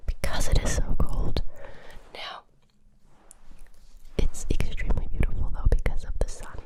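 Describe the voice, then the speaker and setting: An ASMR creator whispering a casual chat close to the ear, fully unvoiced and breathy. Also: low-quality recording. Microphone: close ear-to-ear ASMR microphone.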